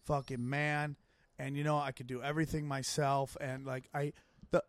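A man talking as a comedian guest on a casual podcast, swearing a lot and speaking in excited, emphatic bursts. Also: medium pitch, moderate pace, no room sound. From Armenian and Italian heritage. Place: home studio man cave.

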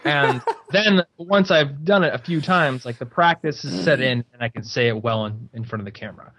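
A man's voice: mid-range voice, normal speed, fairly bright tone, breathy edge. A man speaking as a podcast guest, chatty and explaining things step by step with many fillers. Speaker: guest, YouTuber. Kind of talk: casual podcast interview. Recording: dull, slightly lo-fi sound.

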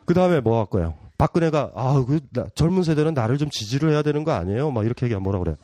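A man's voice: mid-range voice, animated, very fast, dark tone, dry recording. A middle-aged man giving a public philosophy lecture, playful and provocative, often laughing and teasing his audience.

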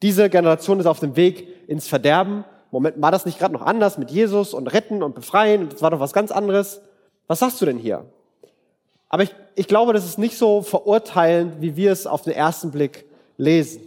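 A man with a notably high voice preaches in an earnest, direct way, addressing his listeners plainly. His words ring out with a long reverb, as in a large church hall. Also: lively intonation, a little fast, a little mellow. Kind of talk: conversational sermon.

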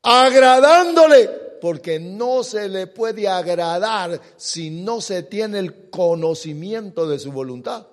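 A man's voice: sits high, lively intonation, takes it slowly. A man preaching a sermon, pressing points with rhetorical questions and drawing out the words he stresses. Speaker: pastor. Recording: long hall reverb.

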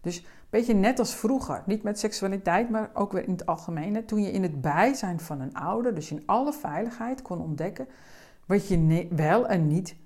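A woman speaking as a coach, explaining slowly and gently in a calm, deliberate way. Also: mid-range voice.

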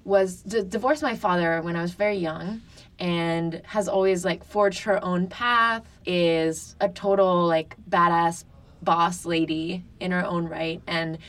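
A woman's voice: lowish voice, fairly even intonation, a little slow, far from the mic. A woman in her twenties from France, a podcast guest talking candidly and casually, full of "like" fillers. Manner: chatty, frequent "like" fillers, candid. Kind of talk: casual interview talk.

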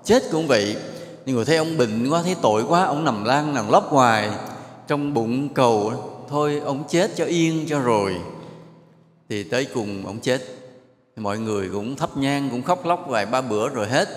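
A male monk delivers a sermon before a live audience, telling stories and drawing the crowd in with questions and gentle jokes. His voice sits at an ordinary middle pitch. The sound is roomy, with a long reverb trailing off through a large hall. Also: lively intonation, normal speed. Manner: storytelling, asks the audience questions and jokes with them. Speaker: monk giving a dharma talk.

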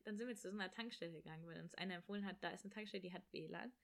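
A young woman in casual chat, telling a travel story in an animated way and acting out the voices of people in it. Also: lowish voice, creaky. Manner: animated, rushed, acts out quoted voices. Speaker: storyteller guest.

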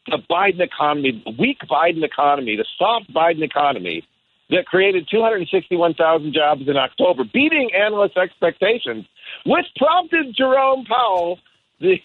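A man calling in to a radio talk show over the phone, talking in a wry, animated, casual way. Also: sits high. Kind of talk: casual political call-in chat. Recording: tinny phone line.

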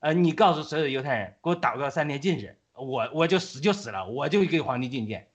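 A frightened young queen who speaks hesitantly, as a man telling the story quotes her. The delivery stays close to his own raised, animated speaking voice. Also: on the high side, fast, slightly rough, muffled recording. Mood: afraid. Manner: fearful, hesitant.

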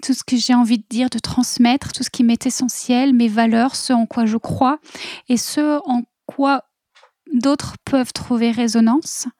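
A woman's voice: on the high side, fairly even intonation, measured pace, a little mellow, dry recording, studio quality. A woman being interviewed on a podcast, talking in a reflective way and searching for her words. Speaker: podcast guest. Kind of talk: casual interview chat.

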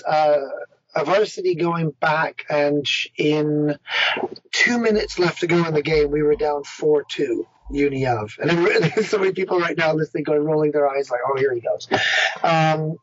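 A middle-aged man talks in a casual, rambling interview, laughing at himself as he tells his stories. His voice is husky and sits a little high. The recording is dry and muffled. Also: dry recording. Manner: rambling, self-mocking storyteller. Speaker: ice hockey player and coach. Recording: dry, dull lo-fi sound.

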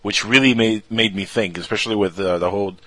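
A man's voice: lowish voice, steady tone, quick pace, fairly bright tone, no room sound. A man co-hosting a casual talk show, telling things earnestly with many fillers. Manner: earnest, filler-heavy storytelling. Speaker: co-host. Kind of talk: casual podcast chat.

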